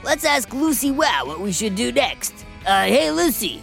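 A woman's voice: a little high, sing-song, a little slow, creaky, faint music behind, exaggerated voice. A woman playing a chatty, put-upon sidekick who hosts a children's adventure story in a theatrical, conversational way. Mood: dramatic, excitable. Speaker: story host. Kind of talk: animated children's story narration.

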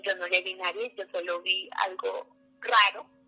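A woman, a mother telling her birth story as a radio guest in an animated, emotional way. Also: medium pitch, unhurried, husky, highs cut off, soft background music. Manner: animated, acts out the voices of others.

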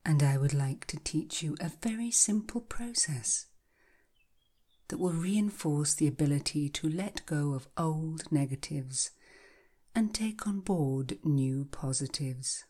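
A woman guiding a hypnotic relaxation in a soft, breathy, half-whispered voice, slow and soothing like a calming countdown. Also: sits low. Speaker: hypnotherapy guide. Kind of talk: guided hypnosis relaxation, scripted narration.

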